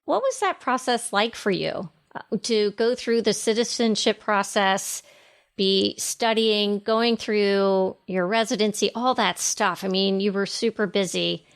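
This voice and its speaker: A middle-aged woman hosting a podcast, introducing a guest and asking questions in a measured, deliberate way. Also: medium pitch, clean tone. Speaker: podcast host. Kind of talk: scripted intro and interview questions.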